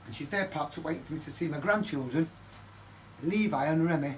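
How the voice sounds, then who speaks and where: Older man, high-pitched, profane and heated, off-mic with light hiss. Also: brisk. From Manchester, England. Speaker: vlogger. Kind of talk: casual storytelling to camera. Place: his flat, indoors. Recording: distant mic with faint background noise.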